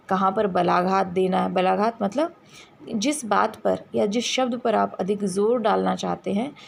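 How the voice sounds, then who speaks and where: A woman's voice: mid-range voice, creaky, slight background noise. A woman teacher giving a lecture, explaining step by step and answering her own questions. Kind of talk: classroom lecture.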